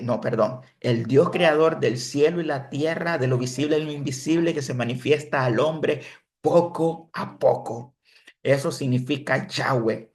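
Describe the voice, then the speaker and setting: A man giving an online religion lesson, explaining step by step, pausing to correct himself and checking in with his listeners. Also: mid-range voice. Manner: self-correcting, pauses to fix slips. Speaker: religion teacher. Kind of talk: online class lecture.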